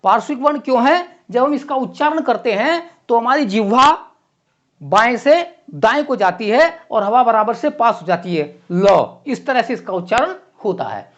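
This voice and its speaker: Male grammar teacher, animated up-and-down delivery, repeats each example word, dull lo-fi sound. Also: very high-pitched. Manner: explains slowly with repeated example words. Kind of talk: Hindi grammar lecture. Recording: dull lo-fi classroom recording.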